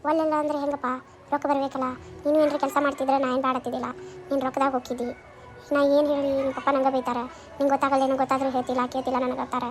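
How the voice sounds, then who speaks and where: A woman's voice: high-pitched, flat delivery, very fast, natural voice. A woman playing a worried middle-aged mother in a comedy skit, with a North Karnataka Kannada accent, lecturing and nagging. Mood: advising. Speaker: skit actor.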